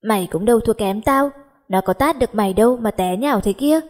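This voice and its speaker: A woman's voice: a little high, fairly quick, a little mellow, close to an everyday voice. A woman doing a lazy playful schoolgirl. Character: playful teenage girl, lazy and mischievous.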